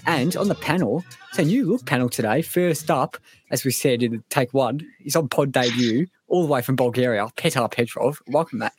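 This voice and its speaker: A man's voice: mid-range voice, normal speed, breathy edge, no echo, faint music behind. A man hosting a live sports podcast in a jokey, mock-grand, casual way. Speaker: podcast host.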